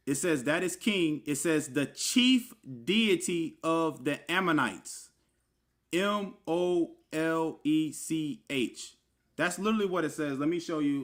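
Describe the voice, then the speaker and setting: A man's voice: on the high side, lively intonation, a little slow. A man casually teaching the meaning of scripture words, spelling them out letter by letter and calling the listener brother. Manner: informal, addresses listener as brother, many fillers and asides. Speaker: religious teacher. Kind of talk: casual online teaching with screen share.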